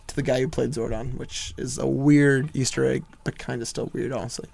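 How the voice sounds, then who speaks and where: A man's voice: mid-range voice, fairly even intonation, creaky, darkish tone, dry recording. A young man co-hosting a casual movie podcast, talking loosely with lots of swearing, jokes and laughter. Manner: loose, profane and laughing, quick to joke. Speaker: podcast co-host.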